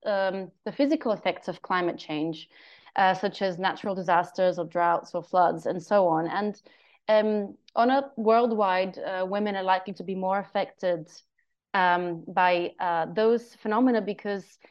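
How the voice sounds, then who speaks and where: A woman's voice: mid-range voice, a little mellow. Careful explaining woman researcher, lo-fi. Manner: careful, explanatory, many um and uh fillers. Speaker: guest researcher. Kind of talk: podcast interview answer.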